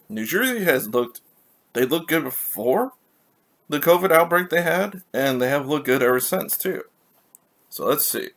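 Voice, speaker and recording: A man from California, hoarse in a mild way because of allergies, talks through hockey scores and stats in a casual one-man recap, rambling and correcting himself. His voice is mid-range with a fairly bright tone.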